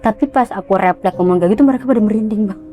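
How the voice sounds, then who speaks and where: A young woman excitedly telling a ghost story, acting out the voices of the people in it. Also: medium pitch, rapid-fire, over music. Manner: excited, animated, acts out quotes. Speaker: guest storyteller.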